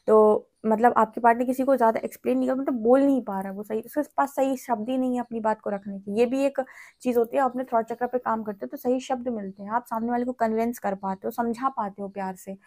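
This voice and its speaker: A woman giving a spiritual tarot reading to camera, explaining gently and often checking in with "theek hai". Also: a little high, steady tone, fast. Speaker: tarot reader.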